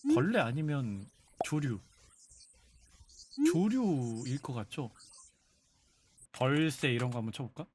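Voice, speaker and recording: A woman's voice: rumbling low, expressive, a little slow, pauses often, darkish tone, a little hiss or hum. A woman streamer chatting casually and playfully, exclaiming and guessing aloud. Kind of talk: casual live-stream chat.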